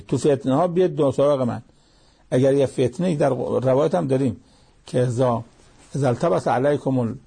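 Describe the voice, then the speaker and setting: A male preacher with a gravelly, husky voice and a dark, mellow tone. He reciting scripture and explaining it, driving points home with rhetorical questions. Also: medium pitch. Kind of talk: sermon on Quran verses.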